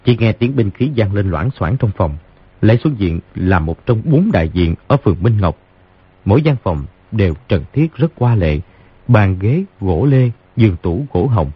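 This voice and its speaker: Husky, animated male storyteller. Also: fairly low pitch. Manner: vivid storyteller delivery. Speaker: audiobook narrator. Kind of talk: dramatic martial-arts novel reading. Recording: dull lo-fi audiobook recording.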